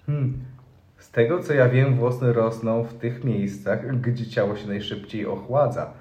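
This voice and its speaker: A man's voice: medium pitch, steady tone, unhurried, a little mellow, highs cut off. Laughing, swearing young man in an echoey room. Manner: swears a lot, laughs, reads forum posts aloud. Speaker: podcast co-host. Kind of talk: casual chat.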